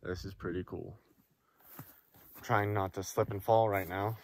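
Low-voiced man vlogging on a hike. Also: flat delivery, measured pace, a little mellow, a little hiss or hum. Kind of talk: casual hiking vlog. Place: outdoors on a mountain trail.

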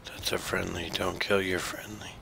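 A man's voice: sits low, level tone, moderate pace, bright, forceful tone, a little hiss or hum. A man casually commenting on his own gameplay, talking to himself with exasperated reactions. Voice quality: gravelly. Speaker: gamer streaming gameplay.

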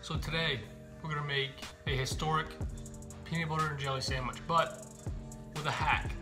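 A man's voice: a little high, normal speed, over music. A young man vlogging casually from his apartment, talking through a stretching routine and joking while he makes a sandwich. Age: young adult. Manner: relaxed, joking, easygoing. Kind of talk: casual vlog and stretching instruction. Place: small apartment room, indoors.

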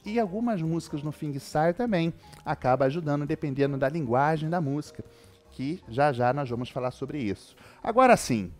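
A man's voice: a little high, a little mellow. A man with a Brazilian Portuguese accent giving a casual guitar lesson, checking in with his viewers after nearly every point. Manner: chatty, explains with frequent "tá?" and "né?" checks. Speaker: guitar teacher.

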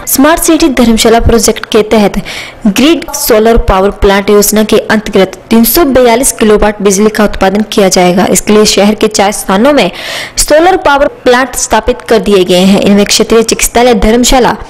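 A woman reading a scripted news report as a voice-over, steady and even. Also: mid-range voice, normal speed, low-quality recording.

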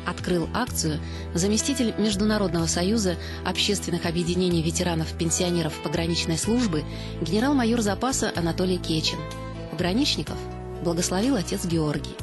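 A woman reads a scripted TV news report in a slightly low voice. Music plays clearly behind her narration. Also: fairly quick.

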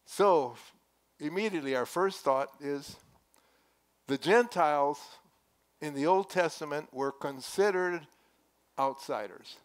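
A man's voice: fairly high pitch, slow, pauses often. An older man preaching a sermon in a church sanctuary, speaking earnestly and conversationally with emphatic rises, through a headset mic. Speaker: pastor. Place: church sanctuary at a wooden pulpit.

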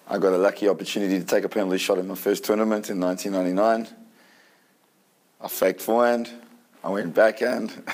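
Low gravelly South African man. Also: darkish tone. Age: 30s. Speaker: ice hockey player. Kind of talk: interview answers. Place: indoor room with curtains.

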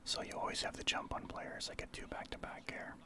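A man delivers ASMR gameplay commentary entirely in a hushed, breathy whisper. He is from Saskatchewan, Canada, and explains the match informally, like a streamer guiding newer players. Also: brisk. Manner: explanatory, informal gamer talk. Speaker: streamer, ASMR channel host.

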